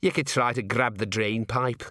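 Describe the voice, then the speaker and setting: A man's voice: medium pitch, moderate pace, bright, forceful tone, no echo, studio quality, natural voice. A man voicing a tiny, cocky male gnome rat catcher, breezy and matter-of-fact. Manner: cheerful, matter-of-fact, laconic.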